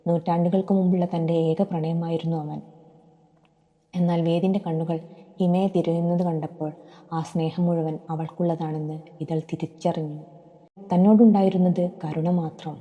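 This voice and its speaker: A woman storyteller narrating a scripted ghost story in a measured, dramatic way. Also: lowish voice, little pitch movement, phone-quality sound. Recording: long hall reverb.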